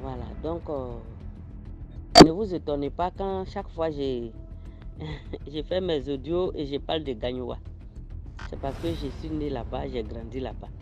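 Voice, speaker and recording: A caller from Ivory Coast with an Ivorian French accent shares a personal mystical story in a phone voice note, his voice a little high. He tells it slowly, repeating phrases for his listeners, and the dull recording sits under loud music.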